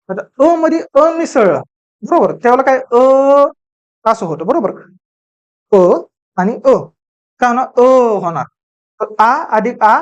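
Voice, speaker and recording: A woman's voice: on the high side, darkish tone. A woman giving an exam-prep grammar lecture, asking questions and answering them herself while repeating the key terms. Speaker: grammar teacher.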